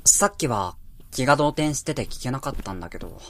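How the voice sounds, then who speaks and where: Man playing a halting, lost young man, animated. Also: medium pitch. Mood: flustered. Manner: halting, informal, flustered. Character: bewildered, despondent young man, a lost guest.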